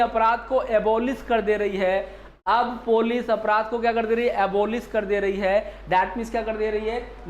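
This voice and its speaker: A male teacher giving an online exam-prep vocabulary lesson, drilling students with repeated rhetorical questions. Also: high voice. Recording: echoey room, faint background hiss.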